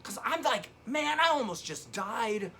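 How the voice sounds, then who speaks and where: A man's voice: very high voice, big pitch swings, unhurried, pushed and bright, a little hiss or hum, full character voice. A man playing a down-on-his-luck drum teacher who rambles through a digressive, profane story during a remote lesson. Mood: rambling. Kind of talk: comedic character monologue. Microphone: video call lesson.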